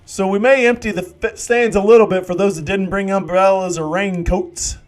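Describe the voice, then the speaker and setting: A man doing live play-by-play football commentary, excitable and jokey with rambling asides. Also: high-pitched, normal speed.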